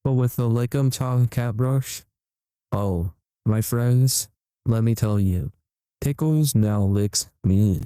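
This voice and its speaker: A man's voice: mid-range voice, takes it slowly, warm tone, dry recording, close to an everyday voice. A man playing an earnest, overexcited cat owner, giving a melodramatic parody infomercial testimonial with reverent sincerity. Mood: awed, earnest.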